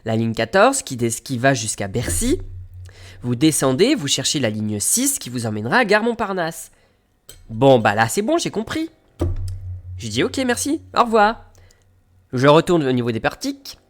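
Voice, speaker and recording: Lively French man telling a story. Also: moderate pace. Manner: animated, acts out quoted people with jumps in pitch. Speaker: streamer. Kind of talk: casual storytelling to stream chat.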